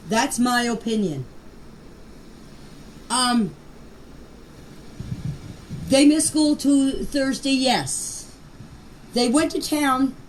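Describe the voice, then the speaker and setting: An older woman, a grandmother, leaves a voice message for a group chat, recounting events in an informal, plain-spoken way with a high voice. She emphasizes her points and says them again. The clip was picked up at a distance and has faint noise in it.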